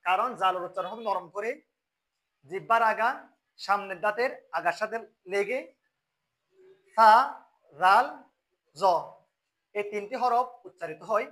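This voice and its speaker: A man gives a recitation lesson in a high, bright voice. He poses questions to his listeners and answers them himself. He stops often to recite words slowly, as a demonstration. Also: rough recording. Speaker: Quran recitation teacher. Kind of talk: tajweed lesson with recited examples.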